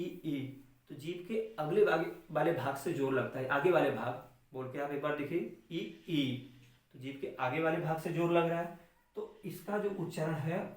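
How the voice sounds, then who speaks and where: Hindi teacher in a very echoey room. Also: male voice, fairly high pitch. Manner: explains step by step, asks the class questions then answers them himself. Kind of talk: exam-prep classroom lesson. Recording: echoey room, distant mic.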